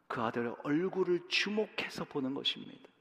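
A pastor preaching a sermon, telling a personal story that swings from hushed to loud. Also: male voice, a little high, expressive, fairly quick, long reverb tail. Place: church sanctuary.

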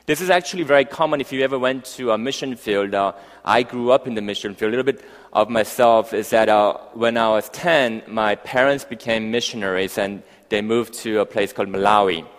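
A man preaching a sermon, speaking haltingly with many fillers and restarts. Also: lowish voice. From grew up partly in Africa. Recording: long hall reverb.

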